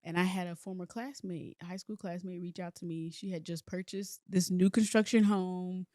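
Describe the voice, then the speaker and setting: A woman from Dallas, an interior designer guest, talking in an easygoing, soft-spoken way. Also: on the low side, steady tone, moderate pace, no echo, studio quality. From Dallas, Texas. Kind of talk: casual interview chat.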